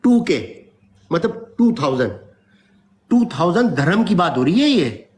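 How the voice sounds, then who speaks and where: A man's voice: high-pitched, very animated, a little slow, darkish tone. A middle-aged man talking casually as a father, giving a lecture and tagging phrases with "isn't it?". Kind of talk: casual talk to camera.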